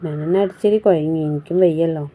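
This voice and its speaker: A woman's voice: deep voice, fast talker, phone-quality sound, slight background noise. A woman, chatting casually through a home vlog as a mother, with a cold that has changed her voice and a rambling style full of tag words.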